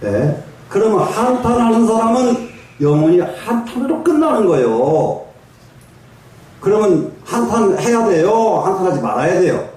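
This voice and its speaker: A man's voice: high voice, sing-song, a little slow, dark tone. An older man, a Buddhist monk, giving a folksy sermon and telling stories, often asking his listeners for a reply. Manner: folksy storytelling, asks the audience for replies and chuckles. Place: large echoing meditation hall. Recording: distant mic in a very echoey hall.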